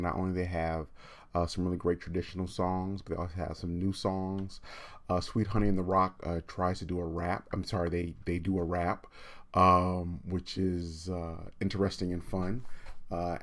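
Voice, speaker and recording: On a livestreamed storytime, a man with a deep voice reads a children's book aloud at a moderate pace. He chats informally between passages, keeping his delivery animated and encouraging.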